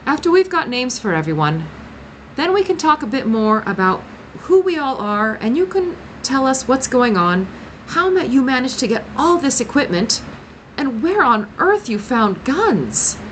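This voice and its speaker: A woman voicing a grim, protective woman who cares for rescued girls, speaking gravely and with measured care in an audiobook reading. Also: high voice, very animated, a little hiss or hum, pitched above the performer's own voice. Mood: agitated.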